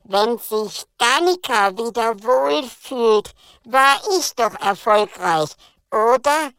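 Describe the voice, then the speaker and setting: A cheeky little alien companion, put on by a male storyteller talks in a bright, very high voice. He stretches every word out slowly and teases with a grin in his tone. The sound is dry and close, like an audiobook. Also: gravelly, clear, resonant tone, no echo, full character voice. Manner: slow, high, teasing.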